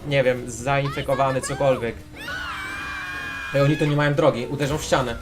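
A man's voice: medium pitch, level tone, normal speed, background noise. A man with a Polish accent hosting a reaction video, commenting casually as he exclaims and puzzles aloud. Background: music and clip audio.

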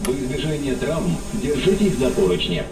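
A man's voice: fairly high pitch, lively intonation, normal speed, vocal fry, very noisy. A man making a formal recorded metro announcement, played over a train intercom. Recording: distant loudspeaker under loud music.

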